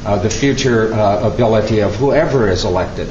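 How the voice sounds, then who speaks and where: A man running for office, answering reporters in an earnest, measured, halting way. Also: on the low side. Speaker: political candidate. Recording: echoey, muffled, noisy room.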